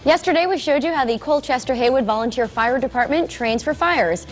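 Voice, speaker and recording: A woman reporter speaks in a high, quick voice. She presents and asks short, practical questions, with light background music. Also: lively intonation. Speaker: news reporter. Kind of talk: spoken report and casual on-scene questions.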